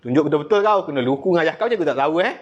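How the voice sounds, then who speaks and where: Man, Malaysian Malay accent, abacus teacher to children, playful, teasing, loud calls and muttered asides. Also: fairly high pitch, expressive, racing, highs cut off. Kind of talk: classroom lesson to children.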